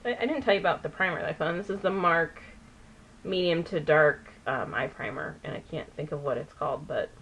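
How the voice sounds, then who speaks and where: A woman's voice: deep voice, brisk, background noise. A woman vlogger chatting casually while doing her makeup, rambling and often losing a word mid-sentence. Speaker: beauty vlogger. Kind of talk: chatty get-ready-with-me.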